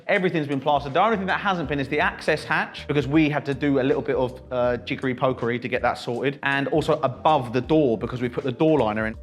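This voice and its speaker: A British man hosting a casual vlog tour of a building under renovation, talking in an enthusiastic, jokey, exclamatory way. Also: mid-range voice. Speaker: vlog host.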